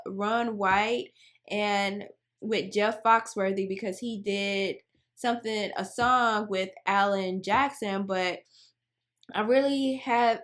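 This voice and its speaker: A woman hosting a reaction video, chatting casually and signing off to her viewers. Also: medium pitch. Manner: chatty, friendly sign-off to viewers.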